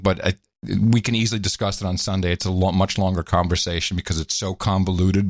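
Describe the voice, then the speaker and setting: A man's voice: fairly low pitch, dry recording, studio quality. A man co-hosting a podcast, giving casual, sarcastic political commentary with sudden leaps into mocking voices. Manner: animated, sarcastic, jumps into mock voices. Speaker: podcast co-host.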